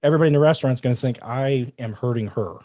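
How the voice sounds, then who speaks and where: A man who trains people in self-defense, telling a casual story in an animated way and quoting himself and others as he goes. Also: medium pitch, racing, no room sound. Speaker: firearms trainer guest.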